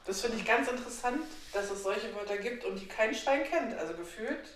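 A woman's voice: fairly high pitch, lively intonation, a little fast, recorded from a distance. A woman in casual, colloquial conversation, musing aloud and posing questions. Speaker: podcast co-host. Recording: echoey room with clear background noise.

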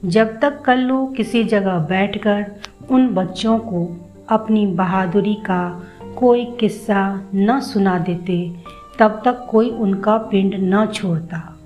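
A woman narrating a children's story in a slow, measured storytelling manner. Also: mid-range voice, lo-fi sound. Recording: soft background music.

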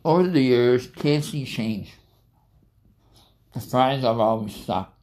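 A man's voice: medium pitch, slow, a little mellow. A young man rambling casually through a food review vlog, chatting and eating as he talks. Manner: rambling, chatty, eats while talking. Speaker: vlogger.

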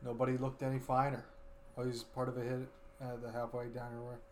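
A laid-back man hosting a casual podcast, sounding tired. He talks at an ordinary middle pitch, swears freely and hums bits of songs. A faint hiss sits under the voice. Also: monotone, fairly quick. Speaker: podcast host. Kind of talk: casual chat.

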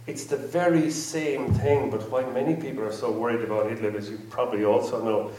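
After a film screening, a man hosts a panel in a hall with an audience, speaking hesitantly and rambling, often repeating himself. His voice is mellow and medium-pitched, with fairly even intonation and a fairly quick pace. Picked up from far off in the roomy hall, the recording has faint ambience and a slight hiss or hum.

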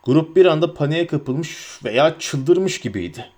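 A man's voice: on the high side, lively intonation, unhurried, darkish tone. A man narrating a story as an audiobook reader. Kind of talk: scripted narration.

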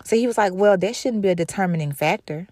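A woman's voice: medium pitch, quick pace, warm tone, dry recording, clean studio sound. Emphatic woman in her thirties. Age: 30s. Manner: candid and emphatic, repeats phrases for stress. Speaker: show host. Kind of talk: casual monologue.

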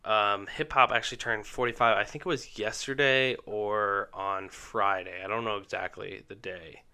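A man co-hosting a casual podcast chat, rambling and halting with many fillers and restarts. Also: lowish voice, steady tone, sharp tone, clear, resonant tone. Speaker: podcast co-host. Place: indoor basement room.

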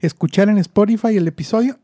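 A man's voice: high-pitched, brisk, warm tone, dry recording, studio quality. A man co-hosting a casual podcast in a Mexican Spanish accent, joking crudely with his friends. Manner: crude joking, laughs often. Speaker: podcast co-host.

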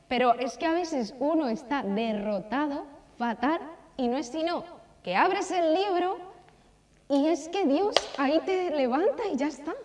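Young woman, preaching, emphatic repetition, high voice, long church reverb. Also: a little mellow. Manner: emphatic, repeats phrases for stress. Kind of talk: sermon.

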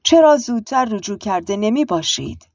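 A woman's voice: fairly high pitch, animated, no echo, studio quality. A woman voicing a foreign lady doctor who talks in stiff, formal phrases. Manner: stilted formal wording.

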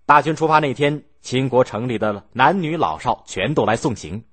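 Lively husky male storyteller. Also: mid-range voice, moderate pace, no room sound. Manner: lively, expressive, acting out the story. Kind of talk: storytelling history for listeners.

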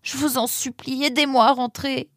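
Brief: timid young male creature, read by a woman, wary, pitched up, dry close mic. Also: very animated, moderate pace, a little mellow, slightly rough, no echo. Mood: pleading. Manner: wary, pleading.

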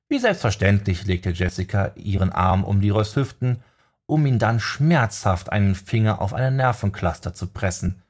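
A man narrating a novel as an audiobook reader in measured storytelling. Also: lowish voice, darkish tone. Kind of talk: scripted narration.

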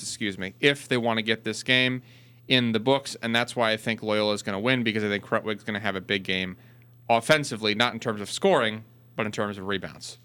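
A man talks sports on a podcast, working through stats out loud and catching his own slips. His voice is bright and sharp, with a smooth, crisp tone that carries well. The talk stays casual and unscripted. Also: medium pitch. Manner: rattles off stats and corrects himself mid-sentence. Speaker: podcast co-host.

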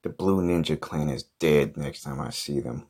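A man's voice: a bass voice, moderate pace, darkish tone, breathy edge. A man hosting a comedy podcast, delivering an improvised monologue in a profane, exasperated, grumbling manner.

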